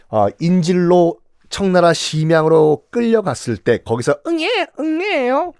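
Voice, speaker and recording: Animated male history lecturer. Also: fairly high pitch, dry recording, clean studio sound. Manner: animated, acts out quotes, asks the audience questions. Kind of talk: lively storytelling history lecture.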